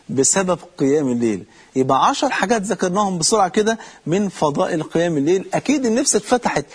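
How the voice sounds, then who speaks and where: A man preaching a sermon with an Egyptian Arabic accent, telling stories and speaking straight to his listeners, drawing out quoted lines slowly. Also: high voice, husky. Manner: storytelling with slow, drawn-out quotes; addresses listeners directly.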